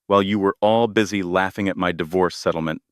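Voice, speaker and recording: A man voicing a cold, commanding woman executive taking her revenge, speaking in a calm, measured way. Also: deep voice, dry recording, clean studio sound, natural voice. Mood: cold authority.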